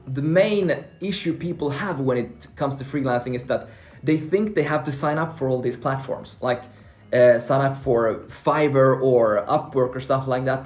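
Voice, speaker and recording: A Swedish-speaking man from Finland hosts a casual live Q&A on freelancing, answering viewer questions in a friendly, upbeat way while repeating words and restarting as he reads comments. His voice is a little high with a darkish tone. Faint music plays behind him.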